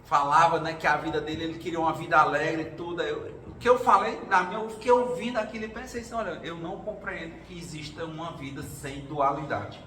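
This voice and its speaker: In a roomy hall captured by a far-off mic with faint noise, a man tells life stories at a spiritual gathering, acting out others' voices in a chatty, informal talk. His slightly high voice is sharp, its intonation fairly even, and he talks fast with hardly a pause.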